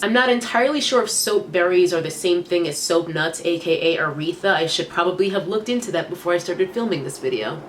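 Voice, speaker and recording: Slight background noise accompanies a young woman's upbeat, talkative hair-product review, recorded in a small room. Her voice is fairly low and thick with congestion from a cold, giving it a nasal quality.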